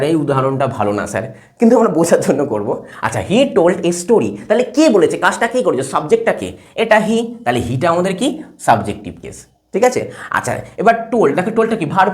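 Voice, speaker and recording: Guy teaching grammar at a board, voice jumps up and down a lot, keeps asking if you got it. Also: high-pitched. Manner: lively, asks checking questions again and again. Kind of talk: classroom lesson at a whiteboard.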